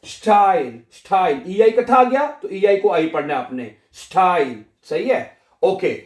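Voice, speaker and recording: Guy with teaching, says each word again and again, fairly high voice. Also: echoey room. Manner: repeats each word slowly, asks and answers himself. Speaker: language teacher. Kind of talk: online language lesson.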